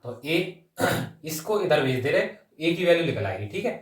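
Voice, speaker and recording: At a normal speed, a man with a slightly high voice and big pitch swings walks students through maths sums step by step for an exam. He mixes in English number words and terms and often adds quick check-in phrases. The recording has a roomy echo from a faraway mic.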